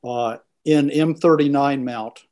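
A man's voice: medium pitch, steady tone, slow, a little mellow. A man talking casually as a podcast co-host. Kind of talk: casual chat.

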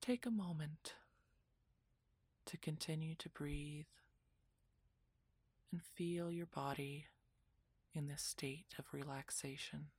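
A woman narrating a guided relaxation meditation in a soft, soothing, breathy voice that often drops into a whisper, like a spa session. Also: deep voice, slow, pauses often, no echo.

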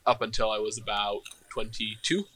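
A young man from Israel talks in a casual discussion, careful and hesitant, filling pauses with ums. His voice is low but bright and sharp-edged. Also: level tone. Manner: measured, hesitant, many fillers.

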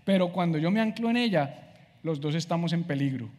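A man's voice: on the high side, animated, a little fast, darkish tone, big-room sound. A man preaching a conversational sermon, acting out how he talks to himself. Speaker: pastor.

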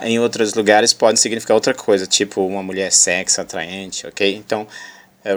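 A man hosting a podcast lesson, patiently explaining an English dialogue with many pauses and fillers, reading the English lines slowly and carefully. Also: on the low side, fairly bright tone. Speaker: English teacher.

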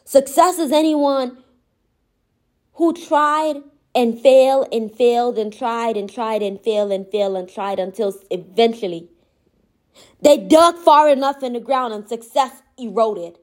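Woman, high-pitched, motivational speaker, emphatic repetition, gentle yet firm. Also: measured pace. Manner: impassioned, repetitive emphatic phrasing. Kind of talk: motivational monologue.

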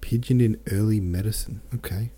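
With a husky, dark voice on the low side and a moderate pace, this book podcast host muses casually over a chapter. He shares listener comments before moving on to reading the novel aloud.

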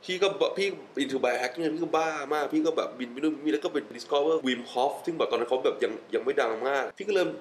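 A man's voice: fairly high pitch, brisk, hardly any pauses, slight background noise, rough recording. A young adult man talking casually as a podcast guest, enthusiastic, often laughing and repeating words for emphasis. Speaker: wellness guest. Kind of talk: casual interview chat mixing English.

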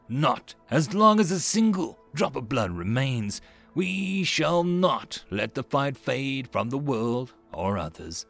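A man voicing a regal elven queen who calls her subjects to war in a grand, declaiming speech with drawn-out words. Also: medium pitch, creaky, heavily acted.

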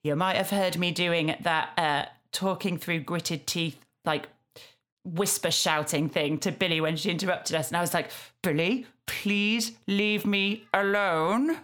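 A British woman from Yorkshire, roughly in her thirties or forties, co-hosts a podcast, chatting casually and self-deprecatingly while recapping TV. Her voice is on the low side and a bit bright, and she speaks unhurriedly in British English.

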